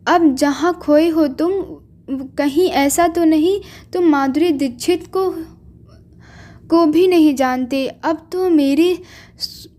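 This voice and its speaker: A woman storyteller voicing a quick-tempered young woman scolding a man. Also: sits high, warm tone. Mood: angry. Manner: angry, scolding.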